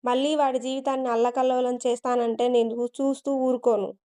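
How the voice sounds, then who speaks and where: A woman's voice: a little high, little pitch movement, a little fast, mellow, clean tone, natural voice. A woman doing a stern, commanding old father. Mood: firm. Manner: harsh, scolding.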